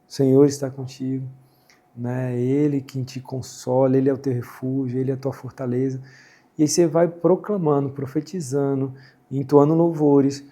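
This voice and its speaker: A middle-aged Brazilian man, a former footballer, talking reflectively about faith in a casual conversation and quoting scripture, with a husky voice. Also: mid-range voice, dark tone. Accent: Brazilian Portuguese. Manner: reflective, quotes scripture, many "né" and "assim" fillers. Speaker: guest, former footballer and speaker.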